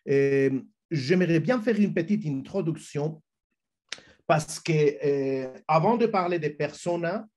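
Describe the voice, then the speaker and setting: A youth ministry speaker, a man whose first language is Spanish and who has a Spanish accent, presents a church webinar over a video call. His fairly high, darkish voice comes out haltingly, with many restarts.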